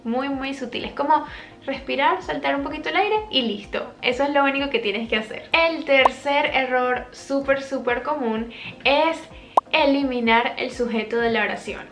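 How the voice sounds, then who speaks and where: A woman from Latin America teaching an online language lesson, explaining patiently and clearly. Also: high voice, fairly bright tone, echoey room, soft background music. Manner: clear, patient explaining with slowed-down example words. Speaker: English teacher.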